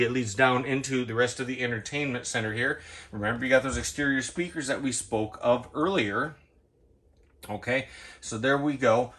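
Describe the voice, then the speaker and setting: A man giving a chatty, quick sales walkthrough inside a travel trailer, tossing in playful sound-effect asides. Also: mid-range voice, fairly bright tone. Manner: talks quickly, cramming in details. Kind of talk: product walkthrough tour.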